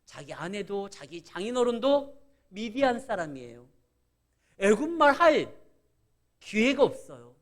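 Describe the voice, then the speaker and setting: A middle-aged man preaches a sermon with a Chungcheong Korean accent. His voice sits high and leaps up and down as he acts out the people in his stories. He tells them with animated, conversational energy. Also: measured pace, pauses often. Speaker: pastor.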